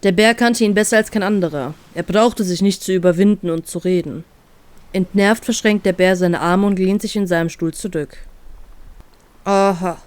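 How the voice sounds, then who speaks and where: A woman reading a fan fiction story aloud in a steady, even narrating voice. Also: mid-range voice, brisk, no echo.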